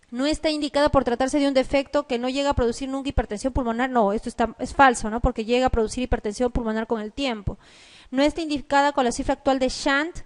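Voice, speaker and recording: A woman's voice: high voice, clear, resonant tone. A woman with a Peruvian Spanish accent giving an exam review lecture, explaining step by step and asking rhetorical questions. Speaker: medical lecturer.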